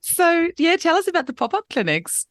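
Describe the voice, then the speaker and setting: A woman hosting a podcast interview, asking questions and encouraging her guest with warm remarks and frequent small murmurs of agreement. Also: extremely high pitch, sing-song, normal speed, no echo, studio quality. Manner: warm, encouraging, backchannels often. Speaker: podcast host.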